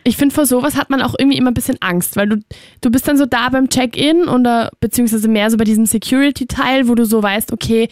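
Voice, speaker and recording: A woman's voice: fairly high pitch, fast talker, a little mellow, no room sound, studio quality. A young Austrian woman in casual chat, telling about her own trips and fears. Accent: Austrian German.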